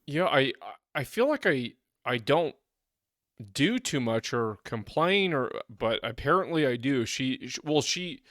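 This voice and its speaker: Young male co-host, average pitch, relaxed and self-deprecating, dry mic. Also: measured pace, dry recording. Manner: easygoing, self-deprecating, laughs often. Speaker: podcast co-host. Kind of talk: casual podcast banter.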